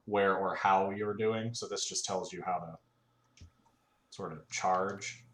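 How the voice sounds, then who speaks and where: Male gaming host, lowish voice, easygoing and full of ums, recorded in an echoey room with faint fan noise. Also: fairly even intonation, slow. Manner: rambling, filler-heavy, laid-back. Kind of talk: casual let's-play commentary. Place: room at home. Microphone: desk mic. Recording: roomy home recording with faint fan hum.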